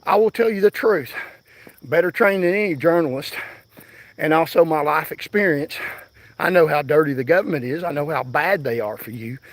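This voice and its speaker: Man, 60s, livestream host, breathless on the move outdoors, pushy preaching delivery, slightly high pitch. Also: moderate pace, no echo. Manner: insistent, preaching to viewers. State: out of breath from jogging. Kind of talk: livestream commentary. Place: outdoors, on foot.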